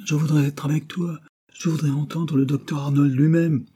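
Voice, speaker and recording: A man's voice: fairly high pitch, level tone, normal speed, warm tone, breathy edge, voice pushed up. A man reading a worried, devoted wife and mother in a raised, strained voice. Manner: pleading, tense, insistent.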